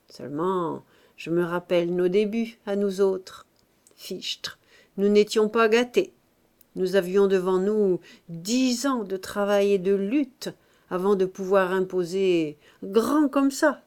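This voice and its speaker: A woman's voice: mid-range voice, warm tone, lightly acted. A woman reading the part of a burly, self-doubting older master painter in an audiobook, with pleading, tormented outbursts. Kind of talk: audiobook character voice.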